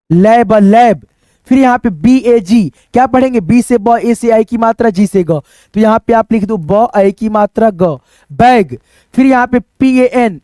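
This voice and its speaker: A man's voice: very high-pitched, mellow, dry recording. A man teaching English phonics, spelling out letters and repeating each word, asking the class and answering his own questions. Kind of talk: phonics lesson at a whiteboard.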